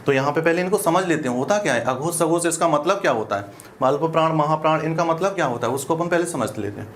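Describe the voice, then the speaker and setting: A male teacher with a rather high voice leads an exam-prep grammar lesson at a quick, animated pace. He works through it step by step in colloquial language, saying "apan" for "we," and often stops to ask whether the class is keeping up.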